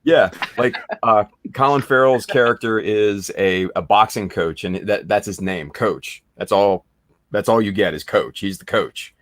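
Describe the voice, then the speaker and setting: A man co-hosts a casual hobby podcast, chatting with enthusiasm and rambling with lots of fillers. His voice is fairly low and fairly bright in tone, he speaks a little slowly, and there's no echo.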